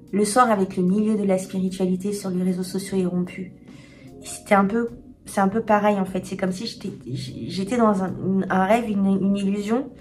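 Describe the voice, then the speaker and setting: A woman chatting candidly to camera as a tarot reader, talking frankly and often pausing to search for words. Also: mid-range voice, darkish tone. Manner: hesitant, many filler pauses, frank and confiding. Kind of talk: candid casual vlog chat.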